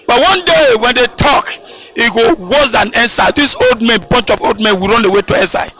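A man's voice: extremely high pitch, brisk, faint music behind. A middle-aged Nigerian man giving an impassioned street interview, gesturing and raising his voice outdoors on a busy road. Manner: heated, gesturing, rising to shouts. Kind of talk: vox pop street interview. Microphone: handheld mic held by interviewer.

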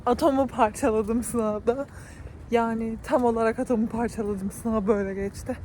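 A woman's voice: fairly high pitch, fairly even intonation, normal speed, dark tone, a little hiss or hum. A young woman in her twenties, a university student, venting animatedly in a casual vlog, filmed on a phone outdoors. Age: 20s. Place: outdoors on campus streets, windy. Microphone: phone camera at arm's length.

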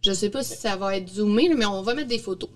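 A woman with a Quebec French accent presents young people's product projects in an informal, explanatory podcast chat. Her voice is medium-pitched and quick. She's recorded in a small indoor podcast studio on a boom-arm studio microphone.

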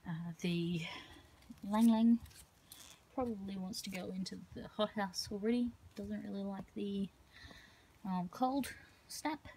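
A woman's voice: mid-range voice, measured pace, dark tone, a little hiss or hum, poor audio. A woman, a herbalist giving a casual tour of her outdoor garden, talking into a handheld phone in a rambling way with frequent ums.

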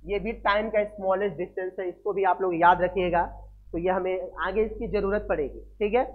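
High-voiced man lecturing on physics. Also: steady tone, fairly quick. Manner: addresses students as beta, repeats key values and asks quiz questions. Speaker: physics teacher. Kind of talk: classroom lecture. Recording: tinny phone-like sound.

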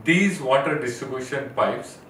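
A middle-aged man with an Indian English accent, presenting a scripted technical lesson in a measured, list-like way. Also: mid-range voice, fairly bright tone, a little hiss or hum. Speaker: plumbing expert presenter. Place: studio set, indoors. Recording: roomy echo, mic at a distance, faint ambience.

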